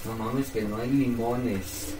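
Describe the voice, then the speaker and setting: A man's voice: medium pitch, fairly even intonation, slow pace, over loud music. A man with a Mexican accent in casual joking banter, teasing his friend with crude slang. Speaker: streamer. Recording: distant mic with clear background noise.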